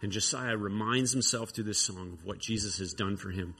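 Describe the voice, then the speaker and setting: A male preacher retelling a story in a sermon, animated, with frequent restarts. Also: lowish voice, a little fast, a little hiss or hum.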